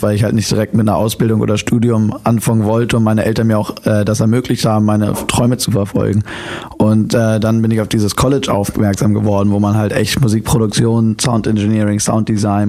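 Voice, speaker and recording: A young man from Hamburg is chatting as a guest on the radio. He talks fast and relaxed, and his tone is warm and mellow. He fills gaps with casual little "uh"s. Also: on the low side. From Hamburg, Germany. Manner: relaxed, talkative, many fillers. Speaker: DJ and music producer, guest. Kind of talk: radio interview.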